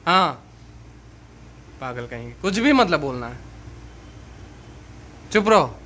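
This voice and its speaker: A husband in his thirties films a casual family vlog in a small bedroom at home, pleading with his wife in an exasperated way. His voice is on the high side, sing-song and sharp, and he talks slowly.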